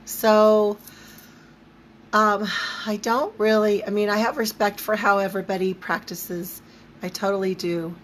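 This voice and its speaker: Squeaky, allergy-strained woman teaching informally. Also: level tone, unhurried. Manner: conversational, emphatic, down-to-earth asides. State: throat and voice affected by allergy. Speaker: spiritual teacher leading a live online series. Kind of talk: informal livestream lesson. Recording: noticeable background noise.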